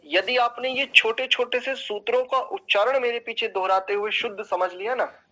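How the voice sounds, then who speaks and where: A man teaching Sanskrit pronunciation in an online class, slowly drawing out syllables and chanting verses. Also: sits high, pushed and bright, low-quality recording. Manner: slow, deliberate, drawn-out chanting of syllables. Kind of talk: online class lecture with mantra recitation.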